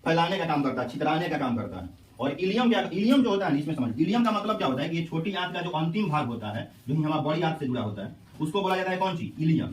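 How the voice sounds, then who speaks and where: A man's voice: fairly high pitch, animated, fast talker, few pauses, a little hiss or hum. A male teacher, lecturing a class and quizzing students with repeated questions. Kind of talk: classroom lecture with call-and-response. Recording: echoey classroom, mic at a distance.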